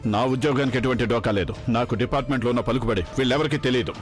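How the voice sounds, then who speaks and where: A man's voice: medium pitch, racing, lightly acted. A man playing an arrogant, stubborn police sub-inspector who speaks curtly and with threats, in a TV serial with background music. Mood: defiant. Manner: curt, threatening.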